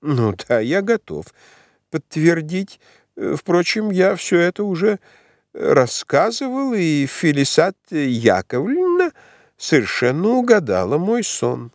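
A man's voice: on the high side, huge pitch swings, slow, dry recording, clean studio sound, voice pushed up, exaggerated voice. A man reading an audiobook, voicing a muddled elderly prince who talks in a hesitant, vague, confused way. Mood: bewildered.

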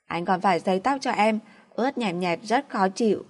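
A woman's voice: mid-range voice, moderate pace, lightly acted. A woman voicing a drunk, spoiled young woman who sulks and pleads in a slurred, petulant way. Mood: clingy, tipsy.

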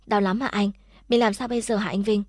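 A woman narrator voicing a frightened but brave young woman held captive, pleading softly. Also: medium pitch, fairly even intonation, a little fast, no echo, studio quality, lightly acted. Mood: scared.

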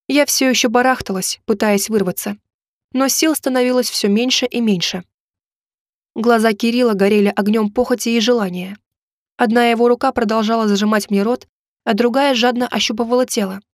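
A woman reading a romance novel aloud in expressive first-person narration. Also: on the high side, dry recording, clean studio sound. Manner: expressive storytelling delivery. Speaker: audiobook narrator.

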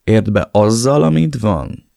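A man voicing a cold, calmly menacing male traitor speaking on the phone in an audiobook. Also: fairly low pitch, gravelly, dry recording, clean studio sound. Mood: cold, mocking.

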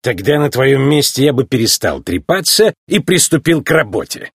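A man voicing a stern, gruff old male car who speaks in a low, measured way. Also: sing-song, dry recording, clean studio sound, heavily acted. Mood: curt.

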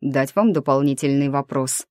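A woman's voice: rumbling low, normal speed, a little mellow, no echo. A woman voicing a dry, stern male university teacher in an audiobook, curt and matter-of-fact.

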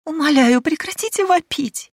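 A woman voicing a cheeky, sharp-tongued young maidservant in an audiobook, with a mocking, teasing manner. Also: mid-range voice, fairly quick, dry recording, clean studio sound, pitched above the performer's own voice, close to an everyday voice. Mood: shrill.

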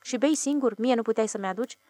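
A woman's voice: a little high, mellow, no echo, faint music behind, close to an everyday voice. A woman voicing a sleepy village night watchman who dismisses a drinking neighbor's wild story. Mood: dismissive. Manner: dismissive, weary, mildly mocking.

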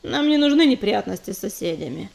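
A steady young tomcat warrior from a storybook, speaking low and measured, never rattled, as a woman reader lowers her voice for him. He sounds calm and sensible. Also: gravelly. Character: young male warrior cat, calm and level-headed.

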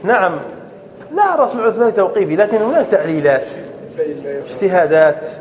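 A man teaching an Arabic grammar class. He repeats key phrases, keeps asking whether it is clear and calls on students to answer. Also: high-pitched, very animated, fairly quick, darkish tone. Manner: often checks understanding with "clear?". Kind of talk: classroom lesson.

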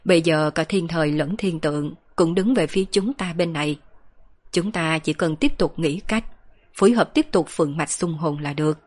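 A woman voicing a cheerful, wise old woman in an audiobook, speaking slowly and calmly. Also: fairly low pitch, no echo. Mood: content. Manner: slow, calm, laughing.

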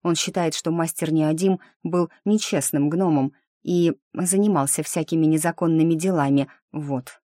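A woman's voice: low voice, normal speed, hardly any pauses, dark tone, no echo, natural voice. A woman voicing a young female gnome who speaks hesitantly and apologetically, in a dry close recording. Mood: guilty. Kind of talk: audiobook character reading.

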